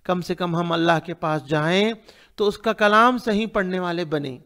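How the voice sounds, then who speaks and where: A man teaching Quran pronunciation, reciting verses in long drawn-out phrases and sternly correcting mistakes. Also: high-pitched, a bit bright. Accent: Hyderabadi Urdu. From India. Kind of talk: tajweed lesson, reciting and correcting.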